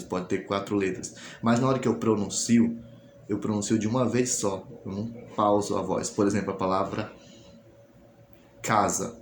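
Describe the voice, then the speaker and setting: A man teaching a recorded class, explaining step by step and asking and answering his own questions. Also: lowish voice. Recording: echoey room, faint noise.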